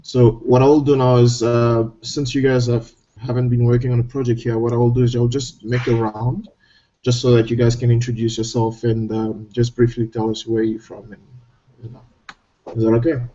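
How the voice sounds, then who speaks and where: A man from Cameroon hosting a casual online scrum meeting, relaxed and hesitant, with many fillers and restarts. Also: medium pitch, normal speed. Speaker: scrum host. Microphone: video call. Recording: muffled call audio.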